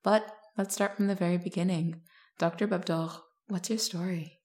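A woman hosts a science podcast with an upbeat, clear delivery. Her voice sits low for a woman. She reads a scripted introduction before moving into relaxed questions. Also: normal speed. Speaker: podcast host. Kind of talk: scripted intro then interview.

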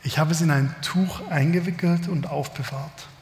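A man voicing a fearful male servant confessing to his master in a low, subdued voice. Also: steady tone, moderate pace, gravelly, a little mellow, slight background noise. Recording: echoey church hall.

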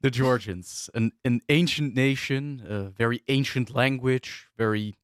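A man's voice: medium pitch, measured pace, clear, resonant tone, no echo, studio quality. A man co-hosting a podcast, talking through history in a thoughtful, hesitant way with many fillers. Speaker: podcast co-host. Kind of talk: casual discussion.

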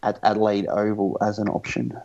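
An Australian man with a croaky voice chatting casually as a guest on a sports podcast. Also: lowish voice, monotone, fairly quick, a little mellow, dry recording, highs cut off. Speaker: fill-in guest panellist. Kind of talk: casual fantasy football podcast chat.

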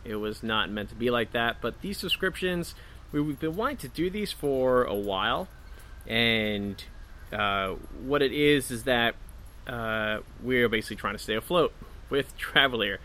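Bright-voiced man hosting a casual podcast. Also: medium pitch, lively intonation, unhurried, slight background noise. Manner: informal, chatty, hesitant phrasing. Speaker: podcast host. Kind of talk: casual solo podcast talk.

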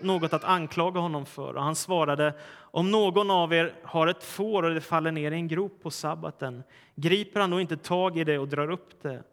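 A male pastor delivering a sermon, moving from a lively told joke into a measured scripture reading. His voice sits a little high for a man. The sound carries a long reverb, as in a church hall. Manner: storytelling, animated in punchlines.

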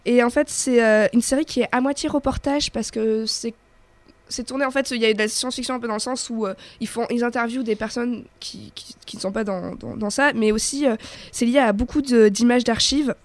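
A young woman with a fairly high voice chats on local radio, full of fillers and self-corrections. The studio sound is dry and close, with no room around her. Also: fairly even intonation, brisk, no room sound. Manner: chatty, many fillers and restarts. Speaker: radio guest presenting TV series. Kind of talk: casual radio chat. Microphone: studio microphone.

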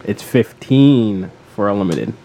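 A man co-hosting a casual gaming podcast, energetic and playful, joking and laughing as he talks. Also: lowish voice, measured pace, a little hiss or hum. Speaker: podcast co-host.

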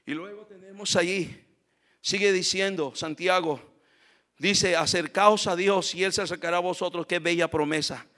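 An impassioned male preacher with a high, bright voice leads his congregation through a sermon. He moves between quiet explanatory stretches and loud, pleading cries, calling on his listeners as brothers and asking for amens. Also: steady tone, moderate pace. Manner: addresses congregation as brothers, calls for amen.

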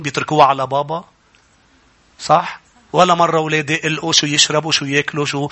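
Man, Lebanese accent, middle-aged pastor, sermon, very bright tone, slightly high voice, emphatic. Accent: Lebanese Arabic. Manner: rising to loud emphatic preaching, calls for amens.

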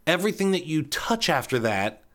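A man rambles through a casual solo podcast monologue, cursing freely. His voice sits a little high for a man and jumps into squeaky, exaggerated outbursts. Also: sing-song, normal speed, a bit bright. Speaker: podcast host.

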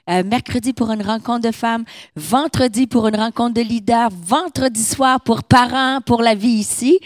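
A middle-aged woman with a Québécois French accent, slightly hoarse, preaching a sermon and speaking directly to a congregation. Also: on the high side, no echo. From Quebec. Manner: animated, addressing the congregation directly. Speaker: guest preacher. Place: church hall.

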